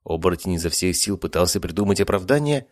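Deep voiced guy reading a fantasy book, very lively delivery, dry sound. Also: quick pace, dry recording. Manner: expressive storytelling. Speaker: audiobook narrator. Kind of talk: scripted fantasy narration.

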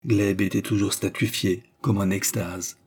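Low husky male audiobook narrator. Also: steady tone, unhurried, darkish tone. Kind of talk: audiobook reading.

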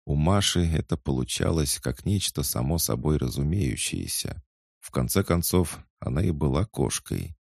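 A man narrating an audiobook in an even storytelling manner. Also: extremely low pitch, normal speed, creaky, husky, dry recording, studio quality. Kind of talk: scripted narration.

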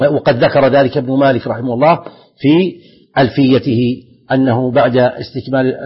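A man teaching an Islamic lesson as a sheikh. He reads phrases from a text aloud and then explains each one slowly and deliberately, putting stress on the quoted words. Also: medium pitch, husky. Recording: dull lo-fi lecture recording.

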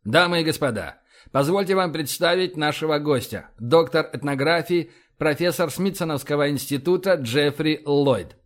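A man's voice: on the high side, moderate pace, close to an everyday voice. A man reading an audiobook, voicing a commanding male admiral who makes formal introductions.

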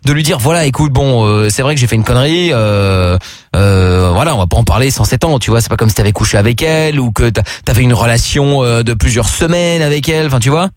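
A man's voice: medium pitch, animated, fast, dry recording. Teasing male radio host, dry studio sound. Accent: French. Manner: teasing, joking, reads listener texts aloud. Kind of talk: late-night call-in banter. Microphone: studio mic.

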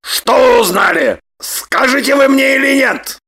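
A hot-tempered man, as a woman reader puts him on, bellowing his lines in a slow, heavy, drawn-out way. The voice is bright and sharp-edged, with pitch that swings widely. It is an audiobook character voice. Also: very animated, heavily acted. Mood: furious. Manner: shouting, drawn-out emphatic delivery.

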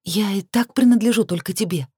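Woman doing a defiant young heroine, raised voice, bitter, sharp, mellow tone, dry close sound. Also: medium pitch, fairly quick, breathy edge, no room sound, voice pushed up. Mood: torn.

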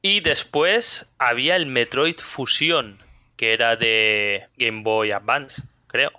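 Bright-voiced Spanish man podcasting. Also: no room sound. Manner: rapid, laughing, acts out friends in a high voice. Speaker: podcast co-host. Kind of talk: casual podcast chat.

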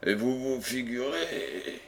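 Guy doing an angry boss telling someone off, slow and steady. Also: mid-range voice, slight background noise, close to an everyday voice. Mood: furious. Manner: indignant, scolding. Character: irate middle-aged male company director.

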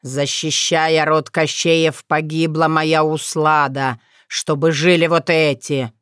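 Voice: mid-range voice, fairly even intonation, slow, fairly bright tone, clean tone, dry recording, clean studio sound. A reader voicing a spiteful, half-mad old male forest spirit who snarls and gloats.

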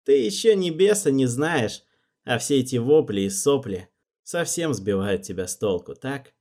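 A man's voice: mid-range voice, expressive, moderate pace, darkish tone, natural voice. A man reading the part of a cold, ruthless young schemer who speaks in icy, mocking commands. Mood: cold, commanding.

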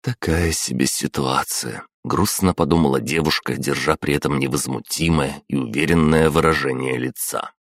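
A man narrating an audiobook in a steady, matter-of-fact storytelling manner. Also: a bass voice, brisk, few pauses, dry recording, clean studio sound. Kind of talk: scripted narration.

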